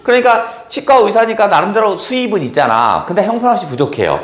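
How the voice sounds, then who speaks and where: A man's voice: high-pitched, sing-song, quick pace, reverberant. A male teacher explaining a novel in a casual exam-prep lecture, asking and answering his own questions. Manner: reads dialogue aloud in character. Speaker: Korean literature teacher.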